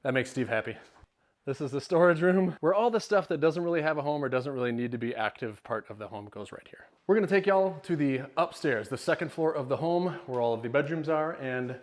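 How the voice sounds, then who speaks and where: A middle-aged man with a slightly high, lively, brisk voice gives a casual vlog tour of his large house, walking from room to room. He jokes, rambles and pokes fun at himself, occasionally getting out of breath.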